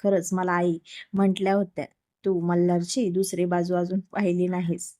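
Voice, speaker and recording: A woman voicing a sweet, gentle young wife in a storybook romance, in her own low, mellow voice. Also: level tone, normal speed, no room sound, studio quality, lightly acted. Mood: scolding.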